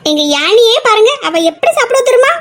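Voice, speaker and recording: A teasing teenage girl, played by a woman in an audio drama, chattering away in a very high voice. She is playful and mischievous. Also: expressive, quick pace, a bit bright.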